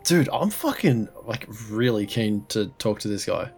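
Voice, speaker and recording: A congested podcast co-host with a head cold and sore throat chats casually, rambling, restarting often, and swearing. His voice is lowish and darkish with vocal fry, very animated yet unhurried, and faint music plays behind him.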